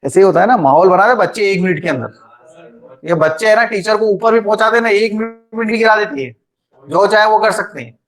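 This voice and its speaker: A man's voice: high-pitched, animated, moderate pace. A middle-aged man teaching an online math class, chatty and joking, teasing his students by name.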